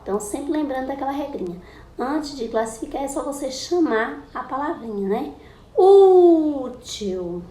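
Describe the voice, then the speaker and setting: Woman teacher, higher voice, slow patient drilling, echoey room with light hiss. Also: darkish tone. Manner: patient, drawn-out spelling of example words. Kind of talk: recorded school lesson. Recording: echoey room with faint background noise.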